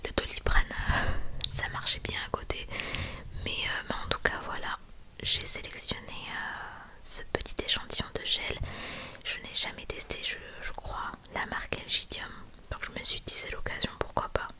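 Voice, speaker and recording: A young adult woman speaking in a hushed, library-quiet whisper, presenting items in a soft ASMR style. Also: moderate pace. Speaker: ASMR video creator.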